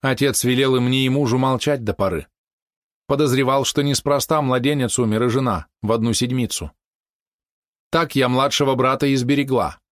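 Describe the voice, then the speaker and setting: A man's voice: medium pitch, moderate pace, no room sound, studio quality, pitched above the performer's own voice, natural voice. A man voicing a grieving young princess in an audiobook, bitter and accusing. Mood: grave.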